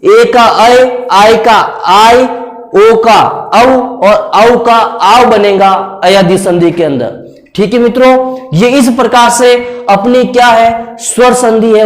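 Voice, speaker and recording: A male teacher giving a classroom lecture, coaxing and repetitive, often checking in with his students. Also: very high-pitched. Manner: repetitive, coaxing, keeps saying "ok friends". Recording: echoey room.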